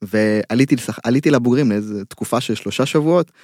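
A middle-aged man with an Israeli accent, a mental coach giving earnest, emphatic motivational talk in an interview, pausing mid-phrase. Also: medium pitch, darkish tone, no echo, clean studio sound. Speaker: mental coach, podcast guest.

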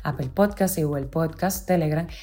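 A woman hosting a news podcast, reading the day's headlines in a steady, clear delivery. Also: low-pitched, moderate pace.

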